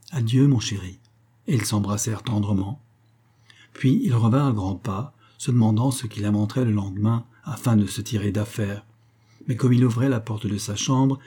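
A man reads a classic novel as an audiobook, his voice low-pitched and dark. The tone is husky, and the narration is measured and expressive. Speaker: reader of a novel.

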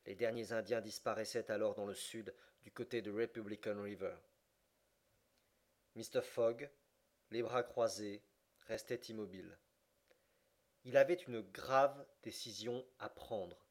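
A man narrating an audiobook of a classic novel, slowing down for the dramatic passages. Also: fairly low pitch, steady tone.

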